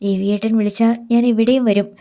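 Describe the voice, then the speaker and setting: A woman's voice: a little high, steady tone, normal speed, dark tone, close to an everyday voice. Woman doing a coy, teasing village maid. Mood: coaxing. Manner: coaxing, mock-sulky questions. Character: playful thirty-year-old village housemaid, teasing and coy.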